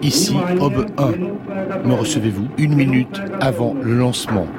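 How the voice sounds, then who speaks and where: A man's voice: mid-range voice, moderate pace, a loud crowd. A man playing a ground controller calling the countdown over a noisy, distant radio link in clipped procedural phrases. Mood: measured. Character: calm male launch controller on the radio. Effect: over a crackly radio link.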